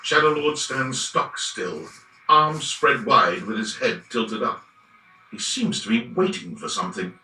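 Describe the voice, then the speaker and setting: A man's voice: mid-range voice, very animated, measured pace, sharp tone, a little hiss or hum, heavily acted. A man playing a dramatic video game narrator, delivering scripted descriptions of the action. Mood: dramatic, descriptive. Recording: roomy, echoing, distant from mic.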